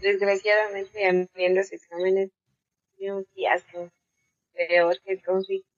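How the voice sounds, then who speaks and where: A woman's voice: mid-range voice, flat delivery, unhurried, dry recording. Rambling Mexican woman, slangy chat. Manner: rambling, full of fillers and slang. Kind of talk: casual chat. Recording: dull lo-fi with faint music behind.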